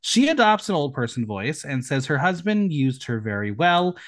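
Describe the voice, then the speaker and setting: He has a sing-song voice and speaks at an ordinary pace while recapping a television episode on his podcast. The man's style is sarcastic and campy, full of sudden pitch jumps.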